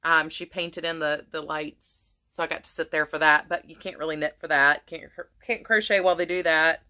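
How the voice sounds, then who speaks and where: Here a crafting vlogger from the United States is losing her voice while she talks casually to her viewers, rambling and starting over many times. Her voice sits low, with a sharp tone, fairly even intonation and a moderate pace.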